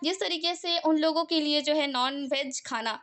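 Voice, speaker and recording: A woman's voice: high-pitched, normal speed, fairly bright tone. A young woman giving an earnest, conversational religious talk, full of fillers and tag questions. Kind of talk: informal religious talk to listeners.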